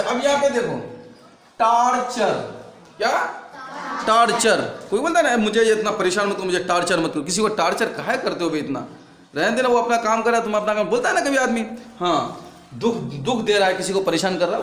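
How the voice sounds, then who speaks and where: A man teaching a classroom lesson, spelling words out slowly and drilling his students with repeated questions. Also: high-pitched, big pitch swings, fairly bright tone. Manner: slow, drawn-out spelling. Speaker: English teacher. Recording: echoey room with faint noise.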